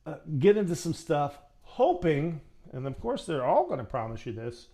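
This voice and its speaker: Male acting coach, fairly high voice, very animated delivery, folksy and direct to camera. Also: normal speed. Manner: chatty, folksy, addresses viewer directly. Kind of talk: casual how-to talk.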